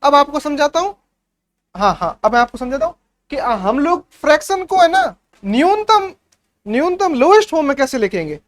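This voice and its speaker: A man's voice: very high voice, big pitch swings, moderate pace. A man teaching a maths revision class for young pupils, explaining step by step and often checking that the class has understood.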